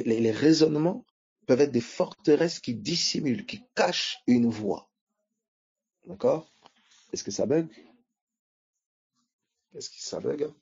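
A man preaching a sermon, teaching slowly and checking his listeners with frequent questions. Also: medium pitch, creaky, mellow, breathy edge. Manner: teaching, repeating key phrases, checking listeners with "d'accord?". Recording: dull lo-fi sound.

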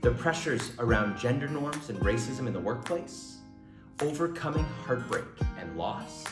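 A man's voice: mid-range voice, animated, measured pace. Upbeat man hosting over guitar music. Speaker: podcast host. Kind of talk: scripted intro, then interviewing. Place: bare concrete-walled room for intro. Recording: roomy echo with guitar music.

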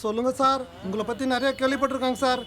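A high-voiced greedy traffic cop. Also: male voice, fairly even intonation, rapid-fire. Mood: fawning. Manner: barking orders, then meek and pleading. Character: bossy bribe-taking traffic cop, turns fawning. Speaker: traffic policeman. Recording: film soundtrack with loud music. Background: background music.

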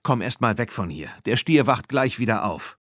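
A man's voice: medium pitch, animated, moderate pace, a bit bright, no room sound, studio quality. A man voicing a cheerful, bold young witch girl in an audiobook reading. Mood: eager.

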